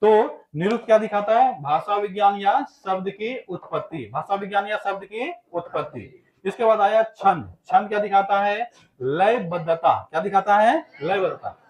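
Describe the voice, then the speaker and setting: A man's voice: high voice, expressive, normal speed, rough recording. A man from Bihar, teaching an exam-prep class and drilling students with repeated questions and answers. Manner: chants answers in a loud, laughing sing-song.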